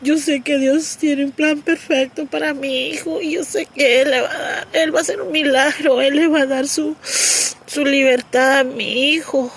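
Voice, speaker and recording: A woman's voice: sits high, fairly even intonation, moderate pace. A middle-aged mother gives an emotional personal testimony, faltering, fervently religious and often close to tears.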